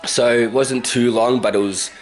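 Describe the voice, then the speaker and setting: A man in his twenties with an Australian accent tells a rambling story-time monologue to his handheld camcorder, indoors at his own house, often correcting himself and chuckling. His mid-range voice has fairly even intonation and normal speed, with soft background music and low recording quality.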